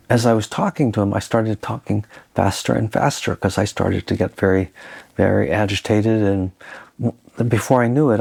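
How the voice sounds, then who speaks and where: A middle-aged man telling his own life story in a reflective, halting way, with restarts. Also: lowish voice, vocal fry, darkish tone. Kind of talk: personal storytelling.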